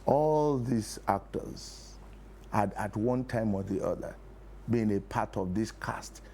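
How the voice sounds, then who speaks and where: Speaking on a TV talk show, a Nigerian play producer of middle or older age explains his views, often repeating key phrases. He talks slowly in a fairly low, darkish voice, with clear background noise in the recording.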